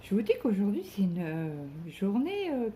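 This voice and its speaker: A woman's voice: medium pitch, sing-song, normal speed, dark tone, slight background noise. A middle-aged woman chatting casually at home as she stitches along with her viewers, thinking aloud and trailing off now and then. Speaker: cross-stitch vlogger.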